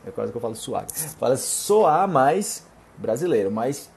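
A man's voice: mid-range voice, lively intonation, moderate pace, gravelly, darkish tone, slight background noise. A young Brazilian man with a Brazilian Portuguese accent, a Portuguese teacher chatting casually as he reads out viewer questions and answers them. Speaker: Portuguese teacher and online host. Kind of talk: casual live Q&A.

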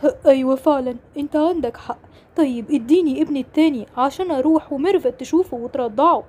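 A woman's voice: high voice, a little mellow, lightly acted. A woman voicing a grieving young Egyptian father. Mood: shocked, consoling. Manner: earnest, comforting, fast and repetitive. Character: young father grieving his lost twin son. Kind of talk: toy-game role-play drama.

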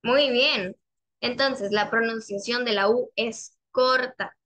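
A young woman teaching an online class over a video call. She patiently repeats her questions and draws out the example words slowly. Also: on the high side, fairly even intonation, pushed and bright. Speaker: English teacher.

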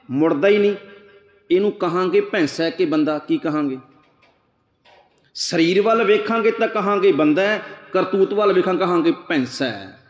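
Slow-paced man preaching in an echoey hall. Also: on the high side. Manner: slow, chants verses then explains them plainly. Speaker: Sikh preacher. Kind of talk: scripture exposition sermon. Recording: echoey hall, dull lo-fi sound.

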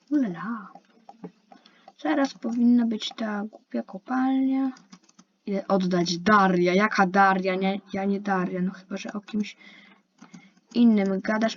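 A woman's voice: mid-range voice, takes it slowly, long pauses, husky. A young woman giving casual, chatty commentary while playing an online game, complaining and talking to herself and the other players. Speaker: gaming youtuber. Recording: dull lo-fi mic with faint hiss.

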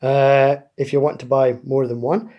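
This UK host of a card-opening channel chats casually at an indoor table while opening packs and explaining pre-orders. His mid-range voice barely moves in pitch and keeps a normal speed. The high frequencies are cut off.

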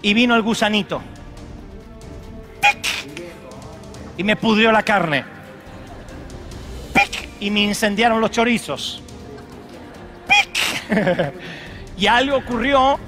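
Impassioned preacher with a bright voice. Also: male voice, sits high, unhurried, long pauses, faint music behind. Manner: impassioned, dramatic swings from loud shouts to hushed tones. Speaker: pastor. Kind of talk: sermon. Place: large church auditorium.

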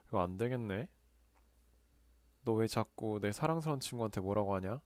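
A young man in a soft whispered role-play, playing a male friend who teases and comforts her on a late-night phone call. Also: lowish voice, animated, normal speed, no echo, close to an everyday voice. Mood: teasing, encouraging. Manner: playful teasing banter, soft and close. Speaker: ASMR creator.

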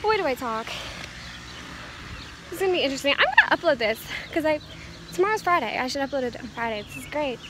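Teen girl vlogger, high voice, chatty and crude, self-mocking, phone held out on a walk, faint street noise. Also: big pitch swings, quick pace, pauses often. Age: teens. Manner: rambling, profane, self-mocking, frequent laughs. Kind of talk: casual walk-and-talk vlog. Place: outdoors on a town street. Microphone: phone at arm's length while walking. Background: faint street noise and a weed whacker.

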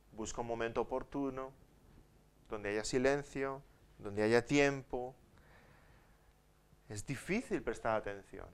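Male pastor, mid-pitched, conversational conference teaching, soft asides and loud emphatic points, counts off numbered points. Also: clear, resonant tone. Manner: conversational, with tag questions to the audience.

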